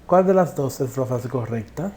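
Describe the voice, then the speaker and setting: A man teaching an English grammar class in a recorded online lesson. He asks the viewer questions and then says each English example sentence slowly and carefully. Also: medium pitch, expressive, mellow.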